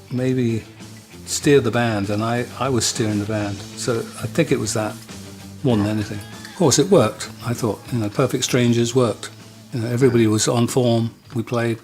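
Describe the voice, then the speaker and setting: A man's voice: medium pitch, fairly even intonation, normal speed, darkish tone, faint music behind. An English man recalling his band days in an interview, wry and dry, often stammering as he restarts. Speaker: guitarist interviewee. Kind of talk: reflective interview recollection.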